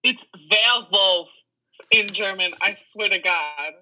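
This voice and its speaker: Bright, lively-voiced woman. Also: medium pitch, low-quality recording. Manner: quick, playful retorts. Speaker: friend listening. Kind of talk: casual chat.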